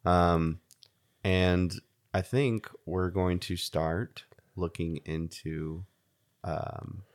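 A young American man co-hosting a casual podcast in a halting, jokey way, often restarting his sentences. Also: sits low, fairly even intonation. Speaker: podcast co-host. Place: home studio in a house.

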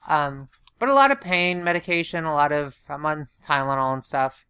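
Low-voiced woman, slightly sore-mouthed, halting chat. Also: fairly bright tone, clear, resonant tone, no room sound. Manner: halting, self-deprecating. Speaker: vlogger recounting surgery recovery. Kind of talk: casual chat, personal video diary.

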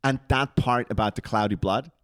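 Swearing, animated podcast co-host man. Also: medium pitch, moderate pace, dry recording, studio quality. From Switzerland. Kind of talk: casual chat.

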